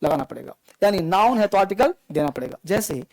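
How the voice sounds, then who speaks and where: A man's voice: sits high, animated, a little fast, gravelly, a little mellow, no echo, rough recording. A man teaching an English grammar class, speaking English, repeating points and asking the students questions. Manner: repetitive, coaxing, asks students questions. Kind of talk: classroom lecture.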